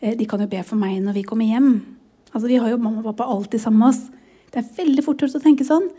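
A woman's voice: on the high side, dark tone. A woman in her forties, a pastor's wife, sharing a personal testimony in a sermon, emotional and often close to tears.

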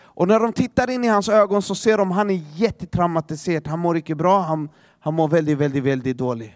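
A man preaching a sermon through a dramatic story, repeating words as he restarts and dropping to a hush for emphasis. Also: high-pitched, no echo, studio quality.

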